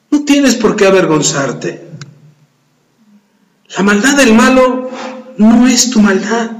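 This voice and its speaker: High-voiced pastor in an echoey hall. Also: male voice. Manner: emphatic preaching with repeated phrases and jokey asides. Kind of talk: sermon. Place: church.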